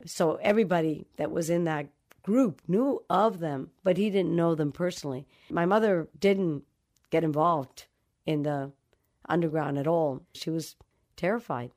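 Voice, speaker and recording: Woman from the Dominican Republic, novelist interview guest, reflective storytelling, lowish voice. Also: normal speed, a little mellow. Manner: thoughtful, acts out remembered dialogue.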